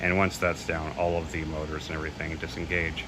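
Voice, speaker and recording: Rumbling low and level in tone, this presenter talks fairly quickly while showing off audio gear. He keeps the demo informal and unscripted, hesitating at times and freely owning up to gaps in his knowledge, on a noticeably noisy home recording.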